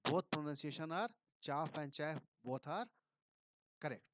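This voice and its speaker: A man's voice: fairly high pitch, unhurried, no echo. A man with an Indian English accent, teaching a lesson, reading editorial passages aloud and then explaining the words. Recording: dull, dry sound.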